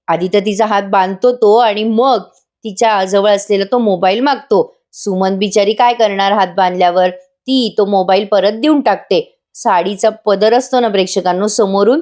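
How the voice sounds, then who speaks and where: A woman's voice: medium pitch, darkish tone. A woman narrating a voice-over recap of a TV serial episode, chatting directly to her viewers. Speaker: TV serial reviewer.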